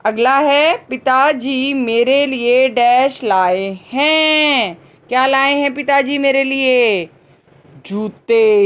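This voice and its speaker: Slow, patient woman teaching children. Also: high voice. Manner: repeats each word slowly, asks and answers her own questions; drawn-out words, slow and patient. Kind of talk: slow, clearly spoken grammar lesson for children.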